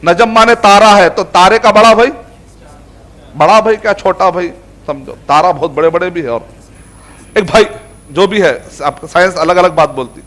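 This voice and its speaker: High-voiced man giving a casual religious lecture. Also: normal speed, fairly bright tone. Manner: conversational, repeats phrases, mixes English words. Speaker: Islamic scholar teaching Quran themes.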